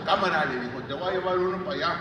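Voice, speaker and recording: A Mexican man doing stand-up comedy, telling crude jokes deadpan and landing them with a catchphrase. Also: a little high, rapid-fire, heavy background noise. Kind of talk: stand-up joke telling on stage. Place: large auditorium. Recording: echoey hall audio from far off, loud crowd.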